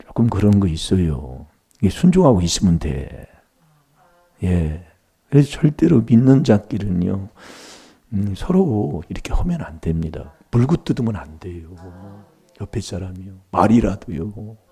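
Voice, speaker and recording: A man's voice: lowish voice, gravelly, mellow, breathy edge. A middle-aged man preaching a sermon in a church, emphatic and prompting the congregation for replies.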